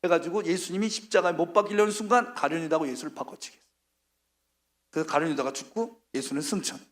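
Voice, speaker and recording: High-voiced man preaching animatedly. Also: fast. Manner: animated storytelling, acting out quoted voices. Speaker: missionary preacher. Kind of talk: sermon.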